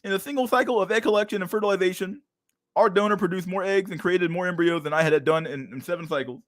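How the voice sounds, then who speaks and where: High-voiced, mocking man in his thirties. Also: quick pace, no room sound. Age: 30s. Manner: mocking, crude, laughs often, reads an article aloud then rants. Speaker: streamer reacting to an article. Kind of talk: casual livestream commentary.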